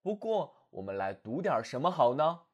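A man voicing a small, proud, quick-witted male hedgehog in a storybook reading, in a slightly lowered, husky voice. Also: very animated, highs cut off. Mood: mocking. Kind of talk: storybook narration.

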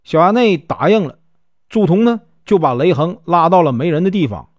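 A man's voice: high voice, expressive, moderate pace, no echo, studio quality. A man with a Northeastern Mandarin accent telling a classic tale in a folksy, casual way, with many small fillers. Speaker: storyteller. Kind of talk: casual storytelling narration.

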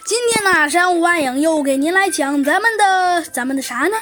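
A woman hosting a children's storytelling show, talking hesitantly with many fillers and frequent throat-clearing. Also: extremely high pitch, lively intonation, moderate pace, a bit bright.

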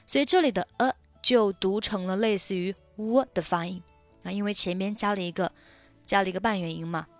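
A Chinese-speaking woman teaching English pronunciation, explaining how words link and repeating phrases slowly so they can be copied. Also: medium pitch, faint music behind. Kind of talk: explaining linking sounds in a lesson.

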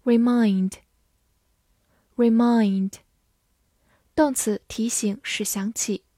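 In a slightly high, somewhat mellow voice at a moderate pace, a teacher gives a scripted vocabulary lesson for learners. She over-enunciates carefully and repeats words. The studio sound is clean with no echo.

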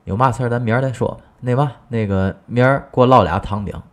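A man voicing a boastful, loudmouthed middle-aged neighbor, talking in a brash, bragging way. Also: medium pitch, quick pace, lightly acted. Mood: excuse-making.

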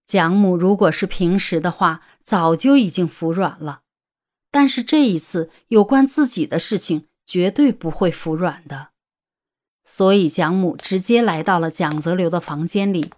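A woman tells the story in a steady, even reading voice that sits a little low. She narrates the scripted audiobook at a measured pace.

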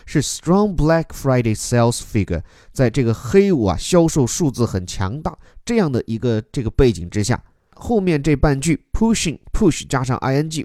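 A man teaching English through a news article, explaining words and grammar in a lively, explanatory way. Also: medium pitch, no room sound, clean studio sound. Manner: lively, explanatory, reads English lines aloud and breaks them down.

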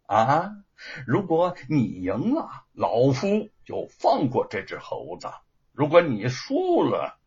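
A man's voice: mid-range voice, darkish tone, husky, heavily acted. A man voicing a cruel, sneering old male official who mocks with laughter. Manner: gloating, mocking laughter. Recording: dull lo-fi recording.

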